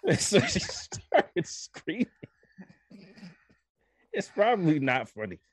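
A young man telling a personal story in a casual podcast chat, animated and laughing as he talks. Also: sits high, takes it slowly, breathy edge, dry recording. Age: young adult. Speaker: podcast co-host.

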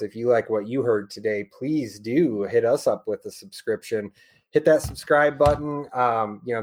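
A man hosting a fantasy football podcast and signing off the show in a relaxed way, with plenty of ums and you-knows. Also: medium pitch. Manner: relaxed, filler-heavy, friendly. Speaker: podcast host. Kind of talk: casual podcast sign-off.

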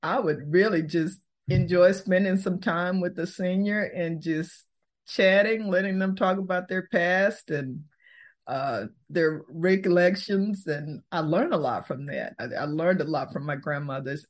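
A woman, answering interview questions in a thoughtful, unhurried way and laughing easily. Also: lowish voice. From Texas, US. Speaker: podcast host, guest.

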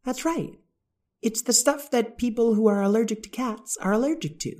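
A woman's voice: on the high side, moderate pace, a little mellow, pitched above the performer's own voice, natural voice. A woman voicing a cheeky young girl schnauzer puppy who talks in a teasing, breezy, self-assured way. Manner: teasing, breezy and sure of herself.

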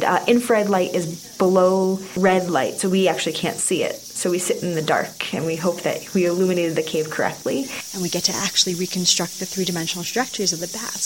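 Low-voiced woman, noisy cave field recording. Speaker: mechanical engineer, field researcher. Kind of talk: explanatory field interview. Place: inside a large cave. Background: insect-like chirping and hum, bats overhead.

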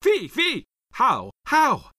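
A man voicing a furious colonel who rallies his troops in a frantic shout. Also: very high voice, wildly swooping pitch, extremely slow, no room sound, clean studio sound, voice pushed up, exaggerated voice. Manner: shouting in alarm.

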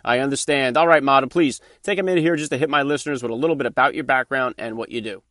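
Brisk, fast-talking male podcast host. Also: mid-range voice, a bit bright, no echo, clean studio sound. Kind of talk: interview hosting.

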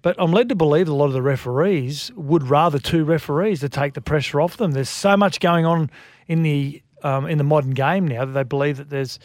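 An Australian man giving opinionated sports talk as a rugby league pundit, thinking aloud in a halting way. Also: fairly high pitch, darkish tone, no room sound, clean studio sound.

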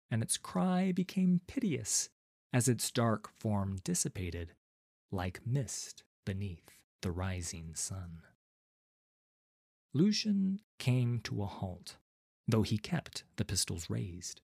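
A man reading a fantasy story aloud as narrator, with a dramatic, expressive delivery. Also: on the low side, slow pace, gravelly, no room sound, clean studio sound.

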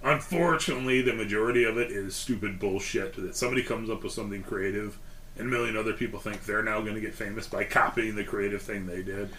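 Brief: male co-host, tense bright tone, dark jokes, halting with fillers, faint background noise. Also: fairly low pitch, fairly even intonation. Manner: gallows humor, swears, many uh fillers. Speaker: podcast co-host. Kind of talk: casual podcast chat.

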